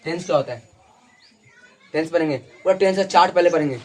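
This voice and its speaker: Fast-talking male teacher. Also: fairly high pitch, darkish tone. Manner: repeats key words, constant check-ins to students. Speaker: English teacher. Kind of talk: classroom lesson at a board. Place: classroom.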